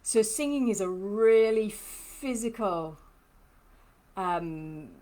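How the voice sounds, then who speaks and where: This lymphoedema therapist from Trinidad speaks with a blended accent that's hard to pin down, chatting personally with her live-stream viewers, responding to their comments and laughing a lot. She has a warm, medium-pitched voice with lively intonation and takes her time.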